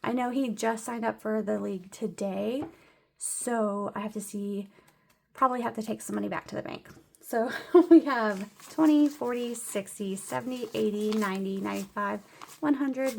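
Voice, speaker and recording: A woman's voice: medium pitch, fairly even intonation, normal speed, creaky, a little hiss or hum. A young woman vlogging her weekly cash budget, chatty and a little breathless as she counts bills aloud and laughs often. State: slightly out of breath. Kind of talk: casual budget vlog narration.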